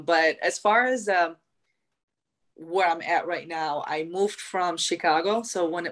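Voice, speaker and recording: Speaking in a deep voice, a young Iraqi woman being interviewed recounts her story animatedly and conversationally, often restarting sentences and using plenty of fillers.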